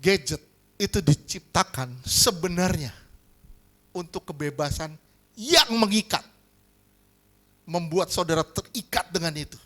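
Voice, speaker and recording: High, bright-voiced preacher man. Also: a little slow, pauses often. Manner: lively preaching, asks the congregation to agree. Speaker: pastor. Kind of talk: sermon. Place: church hall.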